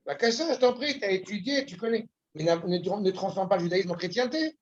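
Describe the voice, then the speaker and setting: A man's voice: high voice, expressive, fairly quick, muffled recording. A man giving a Torah lecture, talking bluntly and with passion and mixing in Hebrew terms. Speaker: Torah teacher.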